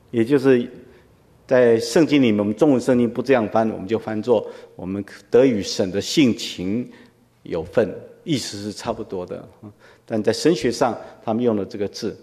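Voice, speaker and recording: A man's voice: fairly low pitch, dark tone. A male pastor giving a sermon in a conversational teaching manner, often asking his listeners rhetorical questions. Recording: long hall reverb.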